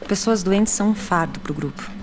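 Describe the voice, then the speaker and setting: An actress playing a young, tired but firm doctor who calmly gives orders and pleads with her mother. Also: medium pitch, moderate pace, background noise, close to an everyday voice. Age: young adult. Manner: calma e firme, às vezes suplicante. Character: jovem médica cansada, firme e paciente. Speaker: doctor and narrator.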